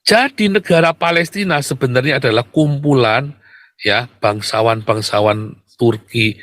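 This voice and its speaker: A man delivering an impassioned, combative monologue to his viewers. He keeps calling them brothers and sharply jumps up in pitch whenever he makes a point. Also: measured pace, fairly bright tone, no room sound. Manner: emphatic and combative, keeps addressing listeners as brothers.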